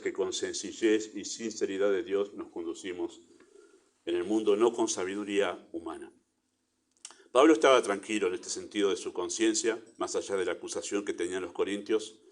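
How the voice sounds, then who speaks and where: A man with a Rioplatense Spanish accent preaching a sermon in church, conversational, with little acted asides. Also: lowish voice. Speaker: pastor.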